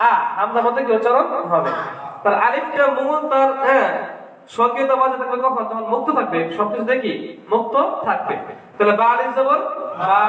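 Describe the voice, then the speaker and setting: High-voiced man teaching in an echoey hall. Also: fairly bright tone. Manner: asks the class questions and answers them himself, drawing out sounds. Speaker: Quran teacher. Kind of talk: classroom Quran lesson. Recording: echoey hall, far from the mic.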